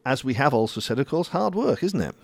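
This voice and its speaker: A man's voice: medium pitch, very animated, brisk, vocal fry, no echo. Rambling male interviewer, dry close sound. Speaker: interview host. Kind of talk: conversational radio interview.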